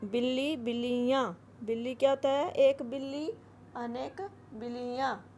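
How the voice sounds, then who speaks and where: Explaining a school grammar worksheet, a woman teaches Hindi by repeating each word slowly and then drilling its correct form, mixing in English words. Her voice is high with a darkish tone, and there's slight background noise.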